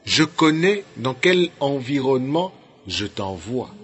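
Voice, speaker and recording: A man from Congo preaching a sermon, fervent, rising to loud outbursts and dropping to quiet, low endings. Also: very animated, slow.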